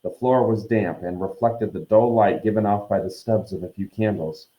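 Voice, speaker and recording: A man's voice: fairly low pitch, normal speed, reverberant, lo-fi sound. A man teacher reading a novel aloud to his class, friendly, acting out the characters' lines. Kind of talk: read-aloud storytelling.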